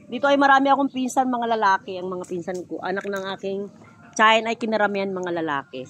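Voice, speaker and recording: A middle-aged woman with a Filipino accent vlogs casually, filming a rural yard on her phone and laughing often as she chats to viewers. Her mid-range voice is brisk and a bit bright.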